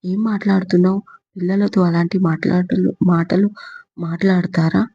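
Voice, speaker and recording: Woman doing a firm protective dad, husky flat voice, muffled recording. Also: lowish voice, normal speed. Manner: firm, soothing. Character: kind protective middle-aged father.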